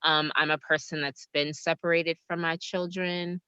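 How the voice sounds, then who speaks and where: A woman's voice: sits low, little pitch movement, normal speed, bright, forceful tone, clear, resonant tone, dry recording, muffled recording. A woman making an earnest, pleading appeal at a community meeting over a video call, with audio that cuts in and out. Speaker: organizer speaking at a community meeting. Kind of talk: casual meeting remarks.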